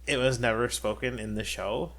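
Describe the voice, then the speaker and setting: A man's voice: medium pitch, moderate pace, creaky, fairly bright tone. A man co-hosting a podcast in casual chat, rambling with many fillers and restarts. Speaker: podcast co-host.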